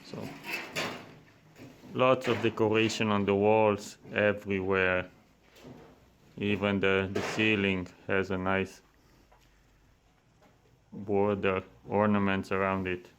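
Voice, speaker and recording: Strolling a construction site for a casual vlog, a Romanian-accented man in his thirties talks in a chatty way and tends to repeat words. He speaks slowly in a lowish, fairly flat voice with long pauses, and background noise is audible.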